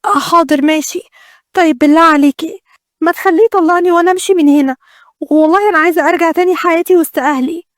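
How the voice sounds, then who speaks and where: A woman's voice: very high voice, rapid-fire, a little mellow, no room sound, studio quality, voice pushed up. A woman with an Egyptian accent voicing a frightened young bride who pleads in a raised voice. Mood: pleading. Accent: Egyptian Arabic. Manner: pleading, fearful.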